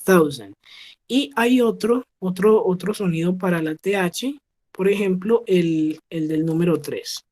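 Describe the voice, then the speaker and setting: A woman's voice: on the low side, measured pace, dark tone. Patient woman teaching on a video call. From Colombia. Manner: patient, checks understanding with frequent "¿sí?". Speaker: English teacher. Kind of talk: online class explaining pronunciation.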